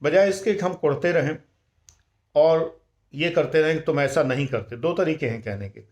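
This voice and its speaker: An older man giving calm, measured life-management advice and mixing in English words. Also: a little high.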